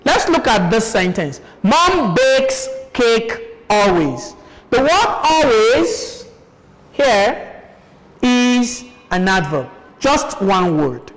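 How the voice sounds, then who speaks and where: A woman's voice: on the high side, big pitch swings, extremely slow, a little hiss or hum. A Nigerian woman teaching a televised primary-school lesson, asking questions and repeating sentences for pupils. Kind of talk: classroom lesson on TV. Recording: echoey room with long reverb.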